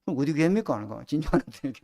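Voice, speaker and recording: Animated pastor preaching. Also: male voice, a little high, rapid-fire, gravelly. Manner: animated preaching, rhetorical questions to the congregation. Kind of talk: sermon.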